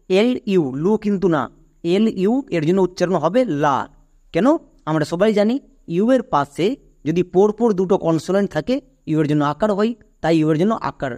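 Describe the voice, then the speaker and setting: A man patiently teaches English phonics step by step, like a classroom explanation, posing questions and answering them himself. His voice is high-pitched and a little mellow.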